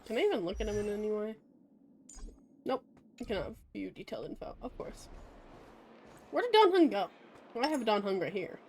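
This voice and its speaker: A woman's voice: medium pitch, very animated, fairly quick, long pauses, a little mellow, slight background noise. A woman giving casual, irreverent game commentary as a streamer, giggly and free with swearing.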